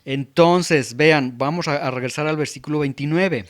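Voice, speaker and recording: A man's voice: fairly high pitch, moderate pace. Emphatic man preaching a sermon. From Mexico. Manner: emphatic, repeats words and leans on key terms. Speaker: pastor. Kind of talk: expository sermon.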